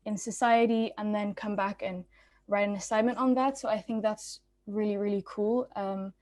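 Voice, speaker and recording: A woman's voice: mid-range voice, darkish tone. A young woman from Belgium, a student speaker, giving a casual, informal talk on a video call with many ums and restarts. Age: young adult.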